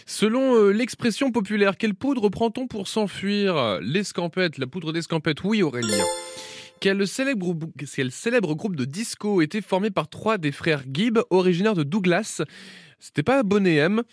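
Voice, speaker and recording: Higher-voiced man hosting a radio quiz. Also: lively intonation, moderate pace, no echo, soft background music. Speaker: radio quiz show host. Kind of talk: live radio quiz presenting. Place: radio studio.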